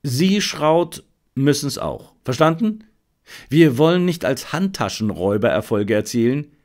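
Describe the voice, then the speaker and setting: A man's voice: medium pitch, animated, measured pace, lightly acted. A man voicing an urgent, lecturing detective. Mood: intense. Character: brilliant, intense male detective, fired up.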